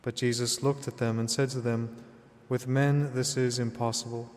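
A man in the role of a priest reads scripture and then preaches, steady and explanatory. He often pauses to ask "right?" of the listeners. His voice rings with a long reverb, as in a large stone church. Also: mid-range voice. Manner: measured teaching tone with frequent "right?" asides. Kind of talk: gospel reading and homily.

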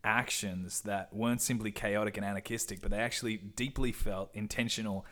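A man hosting a casual podcast, talking in an articulate, opinionated and animated way. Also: lowish voice, brisk. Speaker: podcast host.

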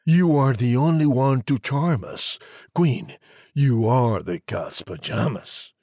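A storyteller voicing a magic talking mirror that speaks low, slowly and hesitantly. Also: mellow, no echo, studio quality. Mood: flattering. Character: magic talking mirror, flattering then blunt.

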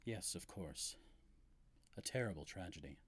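A man acting a patient priest hearing a phone confession, speaking calmly and gently probing. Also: sits low, slightly rough, no room sound, exaggerated voice. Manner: calm, measured, gently probing.

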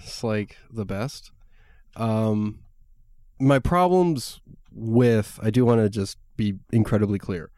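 A young man co-hosting a podcast chats casually about a film he's reviewing, rambling with plenty of fillers and free swearing. His lowish, warm voice moves slowly, recorded in studio quality with no echo.

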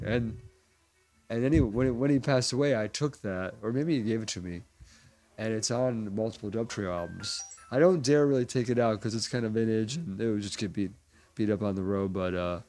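A man's voice: fairly low pitch, darkish tone. A man chatting as a drummer guest in a restaurant, rambling with lots of fillers. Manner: rambling, lots of "like" and "you know". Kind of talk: casual interview chat.

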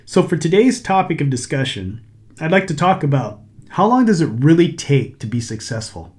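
Man, middle-aged podcast host, casual and motivational, a touch sarcastic, slightly higher voice. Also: sing-song, normal speed, darkish tone. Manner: conversational, lightly sarcastic, motivational. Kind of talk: casual solo podcast talk.

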